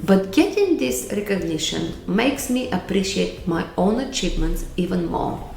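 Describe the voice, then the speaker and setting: A woman's voice: on the low side, animated, normal speed, vocal fry, a little mellow, roomy sound, a little hiss or hum. A middle-aged woman from Bulgaria with a Bulgarian accent, giving earnest, emphatic motivational advice to camera and repeating key words. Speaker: vlogger giving life advice.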